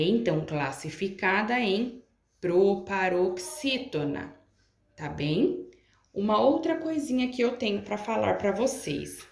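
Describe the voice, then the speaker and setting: A woman teacher explaining a lesson to pupils in a slow, patient way, drawing out syllables as she gives examples, with a Brazilian Portuguese accent. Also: on the low side, vocal fry, echoey room.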